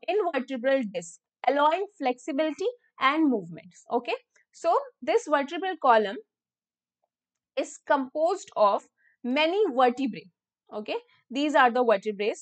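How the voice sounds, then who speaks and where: A woman's voice: high-pitched, animated. A woman science teacher with an Indian English accent gives an online lesson. She mixes English and Hindi and keeps checking with "okay?". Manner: filler-heavy, repeats terms slowly for students.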